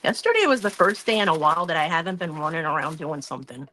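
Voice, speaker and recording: A woman's voice: sits low, very animated, fast talker, pushed and bright, slight background noise. A woman hosting a craft live stream, chatting casually and rambling about her week while she works at her craft table. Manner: chatty, rambling, talks through her hands-on work.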